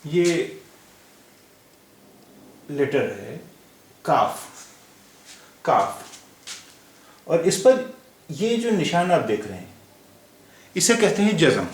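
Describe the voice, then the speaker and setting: A man's voice: a little high, big pitch swings, extremely slow, long pauses. A man teaching a language lesson in a patient way, repeating each sound several times. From India. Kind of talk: slow explanatory lesson. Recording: echoey room.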